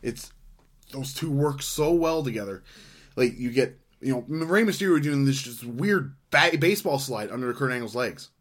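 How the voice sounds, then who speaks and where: A podcast co-host with a mid-range, slightly bright voice recaps old wrestling shows at a moderate pace and with lively intonation. He's casual and rambling, swears freely, laughs often, uses plenty of fillers, and is hiccuping.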